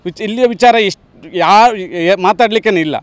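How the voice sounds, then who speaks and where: A middle-aged man answers a street reporter outdoors. His voice sits high, and he speaks with emphatic indignation, hammering the same points again and again. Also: normal speed, no room sound. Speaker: local worker interviewed on the street. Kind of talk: street interview. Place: outdoors near a temple town.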